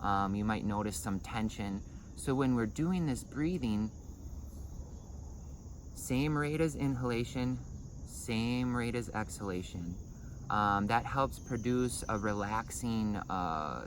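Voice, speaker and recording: A man's voice: lowish voice, a little slow, noisy background. A man giving an informal breathing and meditation lesson, explaining in hesitant phrases with repeated words. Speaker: breathing meditation and Qigong instructor.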